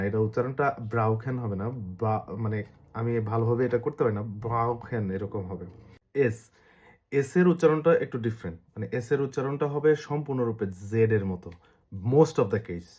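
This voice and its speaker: A man with a Bangladeshi accent giving a casual lesson, repeating sounds slowly to demonstrate pronunciation. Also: mid-range voice, animated, a little mellow. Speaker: language teacher.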